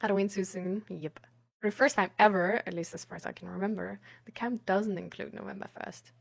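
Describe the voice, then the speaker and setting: This woman streamer has a mid-range, creaky voice with fairly even intonation and a brisk delivery. Reading her viewers' messages aloud, she chats with them casually, giggling and rambling in a hesitant way.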